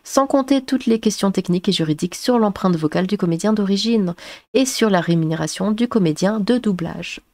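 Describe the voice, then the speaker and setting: A synthetic clone of a woman's voice, reading a summary in an even, steady way. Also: mid-range voice, fairly quick, no room sound. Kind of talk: AI-translated voice reading a book summary.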